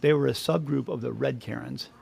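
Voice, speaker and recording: A man's voice: medium pitch, a little fast, vocal fry, crowd noise. A man co-hosting a podcast in casual chat, rambling, laughing often and trailing off mid-sentence. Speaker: podcast co-host.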